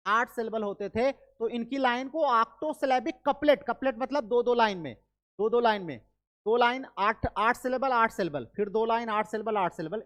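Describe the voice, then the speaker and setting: Indian woman, literature teacher, slightly high voice, repeats key facts, fires quick questions at students. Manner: drills facts by repetition and quick quiz questions; mixes Hindi with English terms. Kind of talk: online exam-prep lecture.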